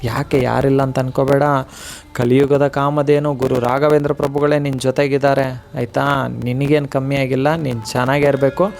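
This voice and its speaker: A man's voice: medium pitch, little pitch movement, normal speed, creaky, a little mellow, faint music behind. A man giving a devotional motivational talk straight to the viewer, earnest and coaxing, repeating himself and asking for agreement.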